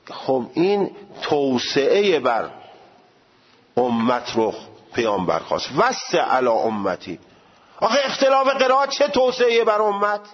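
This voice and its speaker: Male religious studies teacher, high voice, lively rhetorical lecturing, dull lo-fi sound. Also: long reverb tail. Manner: animated, rhetorical questions. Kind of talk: seminary lecture.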